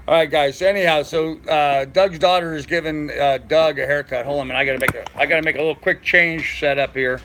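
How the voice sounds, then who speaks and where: A man's voice: a little high, fairly even intonation, fast, few pauses, background noise. A middle-aged man hosting a casual live stream, chatting informally with viewers.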